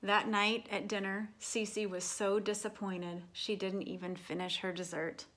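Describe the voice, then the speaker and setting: Her pitch sits in the medium range as this storyteller reads aloud from a children's picture book, speaking expressively and deliberately so young listeners can follow.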